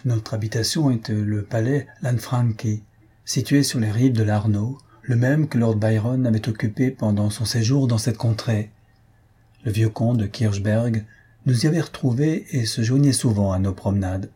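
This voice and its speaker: Male audiobook narrator, breathy husky timbre, dark and mellow, steady literary reading. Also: on the low side, normal speed.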